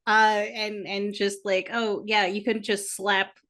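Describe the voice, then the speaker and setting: A woman chatting as a podcast guest at a medium pitch. She searches for words with lots of fillers and laughs easily. The feel is casual and friendly. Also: flat delivery, slow, fairly bright tone. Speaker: guest, freelance artist. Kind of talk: casual conversational interview.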